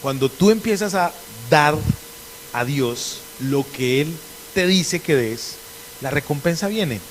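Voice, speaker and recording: A middle-aged pastor, a man from Colombia with an Antioquian accent, preaching a lively sermon and acting out conversations in different voices. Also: a little high, takes it slowly, slight background noise. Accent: Antioquian Colombian Spanish.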